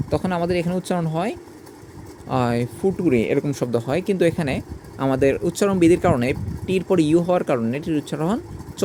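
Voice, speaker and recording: Brief: male teacher, slightly high voice, methodical letter-by-letter delivery, clear traffic noise behind. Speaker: English teacher. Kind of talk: reading out a pronunciation lesson.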